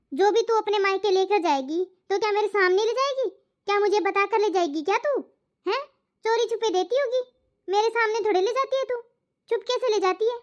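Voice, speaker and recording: Cartoon mother-in-law, nagging and scolding, pitched very high, slightly muffled lo-fi sound. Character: scolding middle-aged mother-in-law, nagging and sharp-tongued. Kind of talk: cartoon moral story dubbing.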